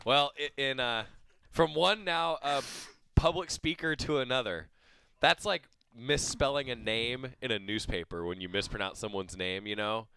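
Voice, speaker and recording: A man's voice: mid-range voice, vocal fry, pushed and bright, smooth, dry recording. A man hosting a sports radio show, interviewing a guest in a jokey, upbeat way. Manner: jokey, upbeat, drawn-out phrasing.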